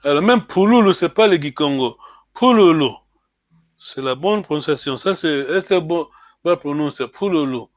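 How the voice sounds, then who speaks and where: A man teaching a language class over a call, repeating words slowly and checking in with "hein" after nearly every phrase. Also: on the high side, expressive, no room sound, lo-fi sound. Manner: switches between French and Portuguese.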